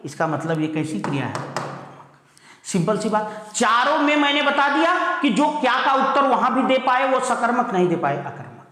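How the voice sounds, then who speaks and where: A male teacher giving an exam-prep grammar lesson, calling students "beta" and repeating key words slowly. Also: very high voice, sing-song, pushed and bright. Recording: echoey hall.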